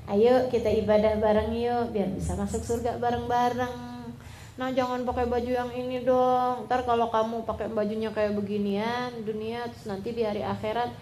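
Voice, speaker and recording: A woman preacher delivering a sermon in an easy, chatty storytelling manner, her voice sitting a little high. The sound carries a roomy echo. A faint background ambience is heard. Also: level tone, moderate pace, dark tone, a little hiss or hum. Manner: conversational storytelling, colloquial.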